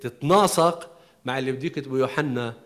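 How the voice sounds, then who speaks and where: A man's voice: medium pitch, fairly bright tone. Man preaching a sermon. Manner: explanatory, emphatic, with pauses and restarts.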